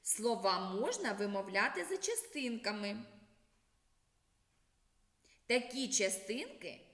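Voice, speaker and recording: A woman with a high voice leads a children's literacy lesson at an unhurried pace. Her sing-song teacher delivery swoops up and down. The recording has a roomy, echoing sound with a long reverb tail. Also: big pitch swings, a bit bright. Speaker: primary school teacher. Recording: echoey room with long reverb.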